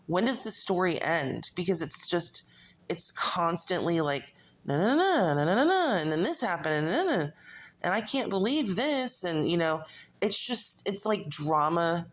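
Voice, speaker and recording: A woman's voice: low-pitched, a bit bright. A woman vlogging her opinions casually, rambling and restarting her sentences, direct and opinionated. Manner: rambling, with frequent restarts and filler words. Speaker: commentary vlogger.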